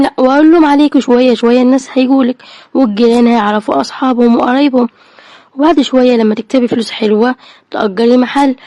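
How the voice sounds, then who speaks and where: A woman with an Egyptian Arabic accent voicing a caring, practical neighbor who talks briskly and reassuringly. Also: a little high, dark tone, no echo, highs cut off, close to an everyday voice.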